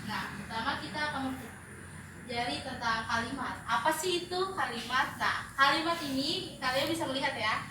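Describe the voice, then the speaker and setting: A woman teaching a grammar lesson to pupils, speaking with many hesitant filler pauses. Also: high voice. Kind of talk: classroom lesson. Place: home study room. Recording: echoey room from far off, noisy.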